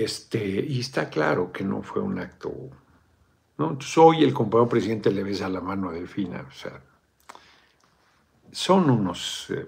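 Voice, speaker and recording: A middle-aged man with a Mexican accent holds forth in a casual video chat, his voice carrying a gravelly edge. He speaks bluntly, drops swear words without a second thought, and keeps wandering into digressions before coming back to his point. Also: fairly low pitch, darkish tone. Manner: blunt, swears freely, digresses and corrects himself. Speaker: politician hosting a video chat. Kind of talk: casual political commentary.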